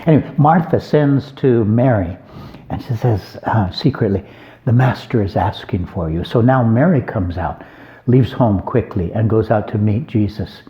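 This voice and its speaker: A man's voice: on the low side, expressive, normal speed, muffled recording. A man, an abbot, giving an informal homily on a Gospel reading, conversational and folksy, with joking asides.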